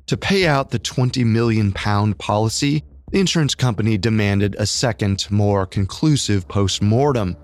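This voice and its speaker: A man co-hosting a podcast, reading scripted true-crime narration with measured storytelling delivery. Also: lowish voice. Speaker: podcast co-host.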